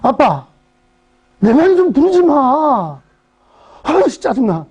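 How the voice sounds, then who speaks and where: A man's voice: very high-pitched, sing-song, slow, a little mellow, pitched above the performer's own voice, heavily acted. A man voicing an irritable teenage daughter who whines impatiently and dismissively. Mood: annoyed.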